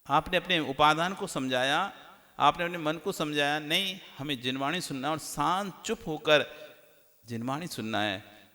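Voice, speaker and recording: Bright-voiced man preaching in a reverberant hall. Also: fairly high pitch, normal speed. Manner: questioning the audience directly, rhetorical, lively shifts from loud to hushed. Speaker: Jain monk preacher. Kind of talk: sermon.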